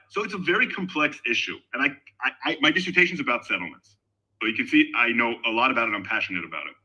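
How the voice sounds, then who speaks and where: A middle-aged man from Israel, talking in a casual online debate in an animated, emphatic way with frequent restarts. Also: mid-range voice, highs cut off. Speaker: guest in an online discussion. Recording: voice call on a discussion server.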